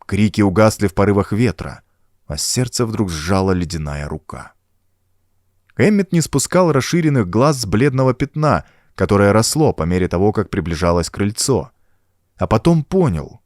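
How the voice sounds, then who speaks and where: In a suspenseful, theatrical style, a man narrates a scripted horror adventure audiobook. His voice is on the low side with a darkish tone, and the studio-quality recording has no room sound.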